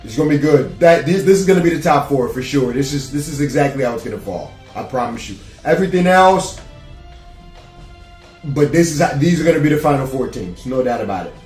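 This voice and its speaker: A man's voice: mid-range voice, expressive, brisk, a little mellow, echoey room, faint music behind. A man casually giving sports playoff predictions to camera, brash and rambling, with plenty of trash talk and fillers. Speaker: sports vlogger.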